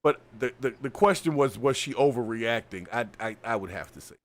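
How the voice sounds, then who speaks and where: A man's voice: mid-range voice, expressive, brisk. An American man hosting a casual panel talk, reacting to a clip and laughing often. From United States. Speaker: podcast host.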